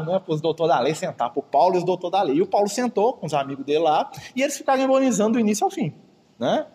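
A man's voice: on the high side, darkish tone. A man with a chatty manner, giving an informal Bible study lecture. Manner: chatty, keeps asking "né?". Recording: long hall reverb.

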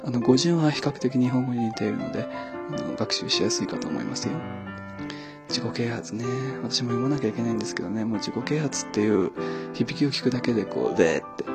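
Male podcast host, quiet mumbling delivery, gravelly edge, wry asides. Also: on the low side. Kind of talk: casual solo podcast chat.

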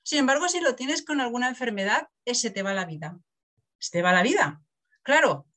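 A woman's voice: fairly high pitch, moderate pace. A middle-aged woman from Barcelona, an author telling stories in a casual interview and laughing often. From Barcelona, Spain. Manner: animated storyteller, acts out quotes, laughs often.

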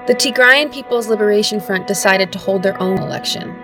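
A woman host reading a scripted introduction in a measured, even way. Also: mid-range voice. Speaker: host narrator. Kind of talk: scripted narration. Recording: narration over guitar music. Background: guitar music.

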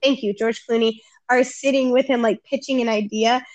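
A young woman with a high, bright voice chats with a friend on a podcast, laughing a lot and acting out scenes as she retells them. The sound is close and dry, with no room echo at all. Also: moderate pace. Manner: giggly, animated, acts out quotes. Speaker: podcast co-host. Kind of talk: casual chat.

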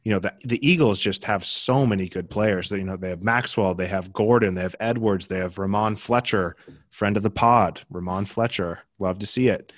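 A man's voice: lowish voice, moderate pace, no echo, clean studio sound. A young American man co-hosting a podcast, chatting casually about basketball results with plenty of fillers and restarts. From United States. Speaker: podcast co-host. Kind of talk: casual sports chat.

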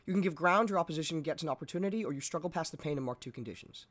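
A man's voice: a little high, lively intonation, very fast, fairly bright tone. A man running a tabletop game as game master. He explains the rules and narrates scenes, with frequent "um"s.

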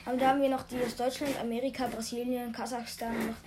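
A woman's voice: fairly high pitch, level tone, fast talker, background noise. A teenage girl co-hosting a homemade podcast, chatty and giggly in casual talk. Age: teens. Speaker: podcast co-host. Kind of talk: casual chat.

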